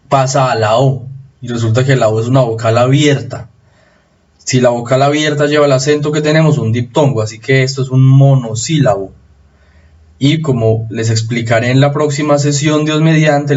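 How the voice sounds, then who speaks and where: A man giving a recorded spelling lesson, explaining rules slowly and repeating them for emphasis. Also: mid-range voice, darkish tone, lo-fi sound. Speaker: spelling teacher.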